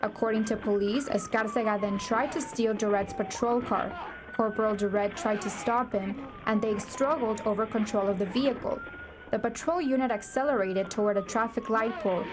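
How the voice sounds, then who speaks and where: A woman narrating a TV news report in a crisp, formal delivery. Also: on the high side, steady tone, moderate pace, noisy background.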